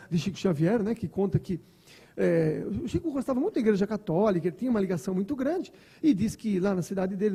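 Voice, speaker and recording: A man's voice: high-pitched, mellow, slightly rough. A Brazilian man, a doctor, giving a conversational spiritist lecture full of stories, asides and repeated words. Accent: Brazilian Portuguese.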